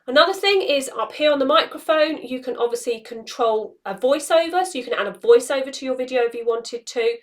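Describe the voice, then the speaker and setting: A woman of about forty hosts a social media tutorial, casually walking through the steps one at a time in a small indoor room. Her voice sits high with lively intonation, and she talks briskly with few pauses.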